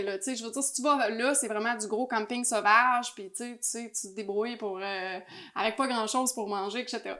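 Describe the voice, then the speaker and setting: A woman with a high, bright voice and a Québécois accent tells a story in a relaxed, chatty way. She is animated, laughs a lot, and slips into the voices of the people in her story. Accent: Québécois French. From Quebec. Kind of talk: casual storytelling chat.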